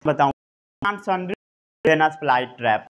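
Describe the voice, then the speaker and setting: A man's voice: on the high side, expressive, normal speed, a bit bright. A man with an Indian accent teaching a science lesson, repeating each point, quizzing the class and dictating notes. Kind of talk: classroom lecture.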